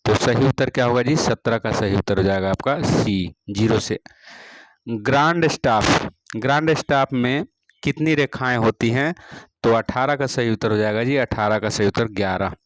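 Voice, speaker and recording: Man calmly walking through exam answers. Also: medium pitch, normal speed, slight background noise, rough recording. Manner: repeats each question, fills with "theek hai ji". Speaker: music teacher. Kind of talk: exam practice lesson.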